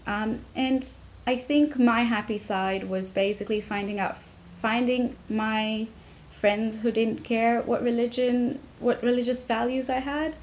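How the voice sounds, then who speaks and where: A woman's voice: on the high side, fairly even intonation, a little slow, a little mellow. Reflective young woman with faint noise. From Tanzania. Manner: reflective, frequent ums and restarts. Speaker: vlogger. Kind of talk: personal talk to camera.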